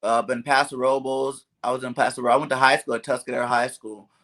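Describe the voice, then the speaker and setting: A man from California hosts a casual sports talk podcast, his voice bright and forward. He talks in a loose, rambling way, filling gaps with "you know what I'm saying." He sounds relaxed and friendly on a video call. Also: mid-range voice, fast. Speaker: podcast host.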